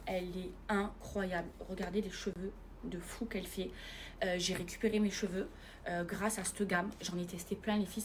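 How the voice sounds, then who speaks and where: A young French woman talking casually to her viewers from bed, often in a hushed voice. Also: on the low side, a little hiss or hum. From France. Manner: chatty, hushed at night, calls viewers "les filles". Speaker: vlogger. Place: bedroom, in bed.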